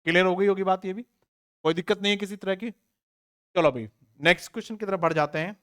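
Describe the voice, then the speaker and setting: A man's voice: high-pitched, brisk, a bit bright. Man drilling grammar, answering his own questions. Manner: asks students questions and answers them himself; repeats key words and spells them out letter by letter. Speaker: teacher. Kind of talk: online exam-prep grammar lesson.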